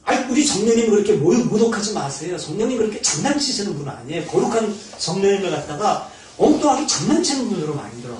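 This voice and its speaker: A man giving an informal Bible study lecture, animated and blunt, sometimes mocking. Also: high-pitched, quick pace, hardly any pauses. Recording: echoey room, mic far off.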